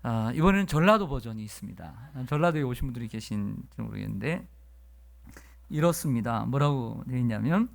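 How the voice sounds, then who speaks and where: A middle-aged male pastor preaching at a revival service in a church, lively and playful as he reads from the text. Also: medium pitch, fairly quick, creaky. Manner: reads dialect versions of a psalm with lively playful delivery. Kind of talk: revival sermon. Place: church sanctuary.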